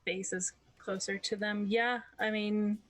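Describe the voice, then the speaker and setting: A woman's voice: medium pitch, level tone, a little slow, crowd noise. A woman chatting casually as a player in a tabletop game, informal and a little tentative.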